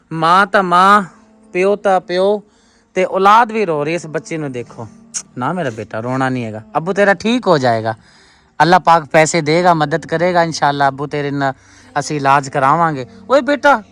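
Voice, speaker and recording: A man with a Pakistani Punjabi accent makes a pleading charity appeal in a vlog, consoling the people around him. His voice is smooth and resonant and sits a little high. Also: a bit bright. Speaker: vlogger appealing for a poor family.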